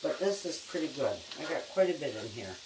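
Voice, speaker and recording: A woman's voice: low voice, very animated, a little fast. An older woman giving a casual, folksy cooking demonstration as she works in her home kitchen, talking to a camera a few feet away. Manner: homespun, chatty, folksy kitchen talk. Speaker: home cook, cooking show host. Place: home kitchen, indoors at the stove. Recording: echoey kitchen, distant mic, background noise.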